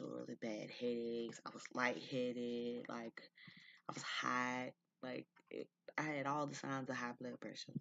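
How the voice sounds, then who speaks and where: A man's voice: medium pitch, vocal fry, dry recording. A man in his thirties telling a personal story in a casual, chatty way, full of "like" and "y'all". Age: 30s. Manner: chatty, fills speech with "like" and "y'all". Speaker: vlogger. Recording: dull lo-fi dry sound.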